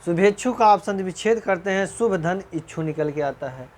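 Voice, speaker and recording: A man teaching a recorded exam-prep grammar lecture, repeating points slowly, often clearing his throat, and checking whether students understood. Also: a little mellow. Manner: slow, repetitive, checks understanding with rhetorical questions; voice drops low at the end of answers. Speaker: Hindi teacher.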